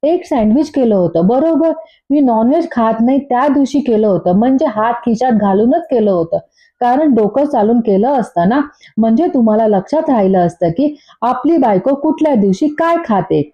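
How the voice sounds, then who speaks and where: A woman's voice: a little high, lively intonation, moderate pace. A woman voicing a young wife who argues back with indignant, sarcastic retorts. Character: bickering young wife defending herself. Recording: dull lo-fi recording.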